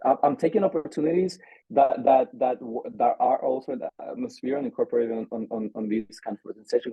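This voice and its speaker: Gravelly-voiced man from the Caribbean, halting. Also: mid-range voice, no echo, phone-quality sound. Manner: halting, many restarts, animated. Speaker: artist relations director. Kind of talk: information session Q&A.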